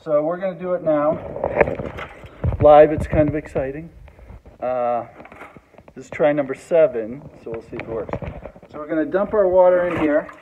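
A middle-aged man giving a plain, halting DIY walkthrough of plumbing in an unfinished house, filmed on a handheld phone. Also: on the high side. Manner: plain explanatory, halting with fillers. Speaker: home builder. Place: unfinished house under construction, indoors. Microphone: phone camera at arm's length. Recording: tinny phone audio with noise.

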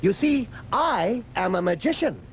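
A fawning young magician. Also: male voice, sits high, measured pace, a little hiss or hum. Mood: flattering. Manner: grandiose, fawning flattery. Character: boastful young male magician Pindar, flattering and quick-witted. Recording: dull old cartoon soundtrack with loud music.

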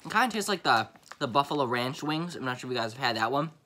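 Bright-voiced young man chatting casually. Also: mid-range voice, animated, fast talker, slight background noise. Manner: laid-back slangy chatter, chewing while talking. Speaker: vlogger. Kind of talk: casual snack taste test vlog. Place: home basement.

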